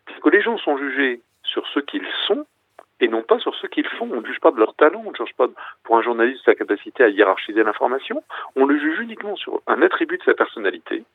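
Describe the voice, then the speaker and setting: A man talking quickly and urgently down a tinny phone line, every word close and dry. He is a guest author making his case on the radio with real passion, pressing point after point without letting up. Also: medium pitch, sing-song, no echo. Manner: passionate, argumentative. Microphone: telephone.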